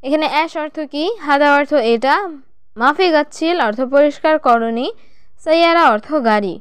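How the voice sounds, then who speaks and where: A woman teaching language in an even, measured way, going through short phrases one at a time in a scripted lesson. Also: sits high, no echo.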